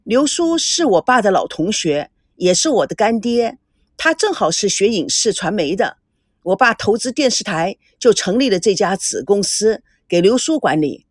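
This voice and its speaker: A woman's voice: medium pitch, very animated, moderate pace, no room sound, studio quality, voice pushed down. A woman voicing a courteous young man from a wealthy family. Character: polite young rich man, modest and courteous.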